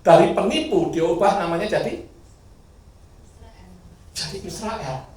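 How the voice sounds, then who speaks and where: Animated preacher in an echoing church hall. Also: male voice, sits high, unhurried. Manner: lively, swings from loud bursts to quiet asides, sings briefly. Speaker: pastor. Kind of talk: sermon. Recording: echoey hall, mic at a distance.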